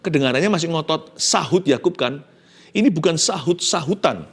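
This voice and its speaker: A man delivers a sermon with a somewhat raised pitch. He preaches theatrically, rising to emphatic peaks and then falling to soft, tearful tones. He slips English phrases into his preaching. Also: expressive, moderate pace, creaky, slightly rough, soft background music. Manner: dramatic preaching, acting out Jacob's pleas in hushed tones. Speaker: pastor.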